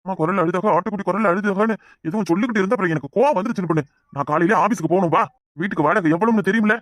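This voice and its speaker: A man voicing an impatient young village husband in a cartoon, with a Kanyakumari Tamil accent and a brisk, exasperated manner. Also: high voice, a bit bright, no room sound, clean studio sound. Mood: scolding. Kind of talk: cartoon voice acting.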